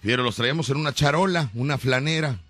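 Animated Mexican radio host man. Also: medium pitch, fairly quick, soft background music. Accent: Mexican Spanish. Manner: animated storytelling, acts out quotes. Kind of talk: casual radio banter.

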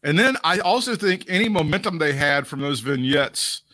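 A man's voice: a little high, normal speed. A man co-hosting a podcast, chatting casually about wrestling with frequent laughs and swearing. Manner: animated, swearing, laughing often. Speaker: podcast co-host.

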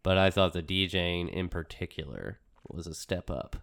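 A man co-hosting a casual podcast while sick, with a congested, stuffy nose and a croaky, froggy voice. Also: deep voice, expressive, normal speed, fairly bright tone. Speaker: podcast co-host.

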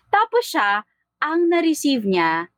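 Woman, casual chat, animated storytelling, Taglish, dry close sound. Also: sits high, slow, dry recording. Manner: lively storytelling, mixing Tagalog and English.

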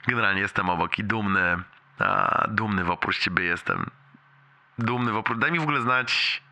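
A young man leaving a casual, rambling voicemail for a friend, slangy with bits of English mixed in, halting and repeating himself. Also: fairly low pitch, sharp tone. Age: young adult.

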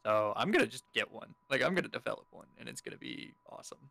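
A man's voice: mid-range voice, animated, quick pace, vocal fry, fairly bright tone, dry recording. A young man from Florida in a casual group chat, making sarcastic quips.

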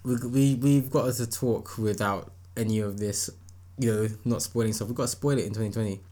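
A man's voice: fairly low pitch, fairly quick. A man hosting a casual gaming podcast, joking and laughing a lot. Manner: animated, laughs often, teasing. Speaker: podcast host. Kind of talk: casual chat.

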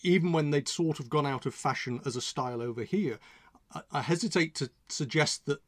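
Man, mid-pitched, from England, rambling casual chat, dry recording. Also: brisk, no room sound. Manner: rambling, self-interrupting, chatty. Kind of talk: casual chat about old comedy.

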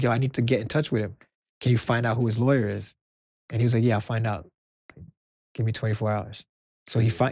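A soft-spoken man from Brooklyn, a music executive guest, telling stories in an interview and acting out the dialogue. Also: mid-range voice, dry recording, clean studio sound. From Brooklyn, New York. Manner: animated storyteller acting out quoted dialogue. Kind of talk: storytelling interview answers.

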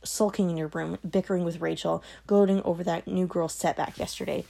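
Woman doing a bossy icy mom, sharp and brittle, low gravelly voice, audiobook. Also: fairly even intonation, a little fast. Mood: scolding. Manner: sharp, brittle, dropping to a hiss. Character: cold, controlling middle-aged mother. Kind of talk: audiobook character voice.

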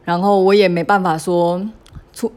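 A woman in her thirties with a voice that sits a little low for a woman. She talks in a halting, confessional way, stopping and restarting, leaning on fillers as she recounts a heartfelt story about her children. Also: fairly even intonation, darkish tone. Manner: emotional and confessional, with laughs. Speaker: mother sharing a parenting story. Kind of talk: candid personal storytelling.

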